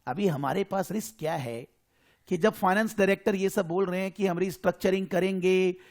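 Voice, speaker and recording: High-voiced Indian man teaching an accounting class. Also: expressive, brisk. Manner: explanatory, mixes Hindi and English. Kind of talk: online class lecture.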